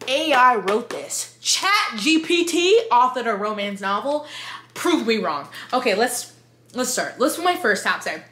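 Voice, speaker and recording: Bright, drunk woman ranting. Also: a little high, measured pace. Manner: animated, exasperated, sweary, emphatic. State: drunk, loose and rambling. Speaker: book reviewer. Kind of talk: casual rant review. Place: living room with bookshelves, indoors. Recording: roomy home echo.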